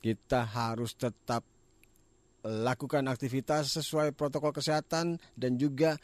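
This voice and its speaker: A man's voice: mid-range voice, darkish tone, dry recording. A man presenting and reading education news on the radio. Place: radio studio.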